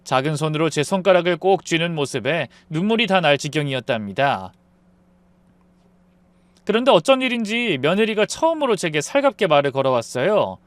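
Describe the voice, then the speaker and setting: A man narrating a scripted first-person story in a calm, rueful, measured way. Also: a little high, no room sound.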